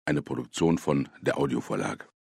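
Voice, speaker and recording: A man reading a children's audiobook aloud as the narrator, telling the story in a lively way. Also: rumbling low, moderate pace, creaky, slightly rough, no echo, clean studio sound. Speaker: audiobook reader. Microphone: close studio mic.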